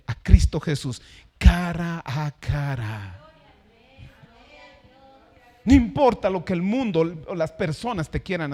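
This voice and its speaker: A male pastor preaching a sermon, stressing words by slowing down and swinging between loud declarations and hushed asides. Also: sits high.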